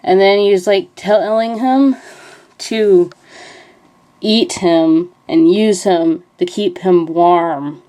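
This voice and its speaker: A young woman with a lowish, dark-toned voice talks slowly and casually, wandering as she retells movie scenes. She stuffs her rambling commentary with "like."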